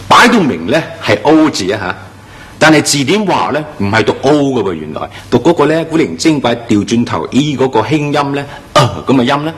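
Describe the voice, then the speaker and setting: With an animated, emphatic voice, a male teacher runs a classroom-style English pronunciation lesson. He pronounces the target words slowly and at length.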